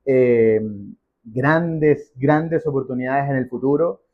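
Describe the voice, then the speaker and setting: Here the Venezuelan-accented podcast guest, a business professional, talks slowly in a mid-range voice. He explains things with emphasis in a chatty way, often repeating himself, over muffled, narrow-band audio resembling a phone call.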